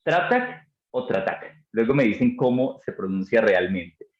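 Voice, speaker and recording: A man's voice: fairly low pitch, normal speed. A man teaching a live online class on mind and meditation, answering chat questions in an encouraging, effusive way, with hesitant fillers as he thinks aloud. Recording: dull, roomy sound.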